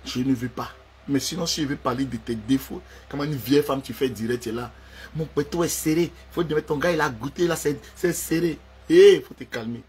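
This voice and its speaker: A man's voice: mid-range voice, fairly quick, a little hiss or hum. A man, delivering a heated, confrontational personal rant and repeating himself for emphasis.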